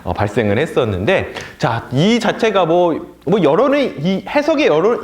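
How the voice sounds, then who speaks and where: Animated male lecturer in an echoey room. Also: fairly high pitch. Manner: animated, mocks opponents' talk in a sneering voice. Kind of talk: political education lecture.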